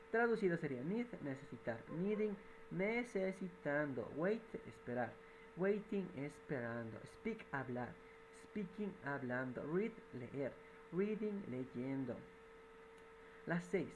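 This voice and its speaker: A man's voice: on the high side, noisy background. Patient man teaching grammar rules. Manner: patient, repeats and translates each example. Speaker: English teacher.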